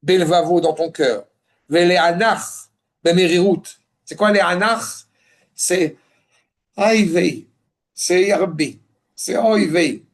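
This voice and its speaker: A man with a high-pitched voice teaches a Torah class. He moves between Hebrew citations and explanation, restating phrases emphatically as he goes. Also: slow, pauses often. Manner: emphatic, repeats and rephrases phrases for the listeners. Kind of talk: Torah lesson reading Hebrew text and explaining it in French.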